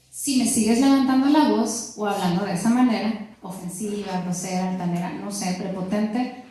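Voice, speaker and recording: A middle-aged woman leads a church class on marriage, her voice sitting high for a woman. She talks in a lively, chatty way and acts out snippets of dialogue. The sound rings in a very echoey church hall. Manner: lively and conversational, with laughs and acted-out quotes. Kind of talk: church teaching talk. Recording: very echoey room.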